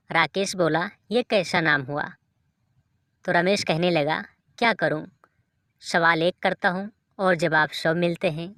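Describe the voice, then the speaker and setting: A woman reading short jokes aloud in an even storytelling delivery, as a dry close voice-over. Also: lowish voice. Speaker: joke reader.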